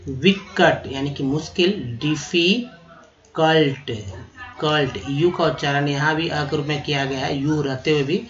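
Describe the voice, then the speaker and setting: A man teaching vocabulary, spelling words out letter by letter, repeating them slowly and calling his viewers friends. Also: a little high, fairly even intonation, lo-fi sound. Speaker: English teacher. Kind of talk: vocabulary lesson.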